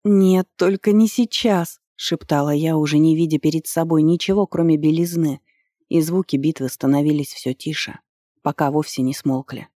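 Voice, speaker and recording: A woman's voice: low-pitched, moderate pace, no echo, clean studio sound. Woman reading a fantasy audiobook. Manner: even, storytelling delivery with lively lifts on dialogue. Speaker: audiobook reader. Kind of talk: first-person fantasy audiobook narration.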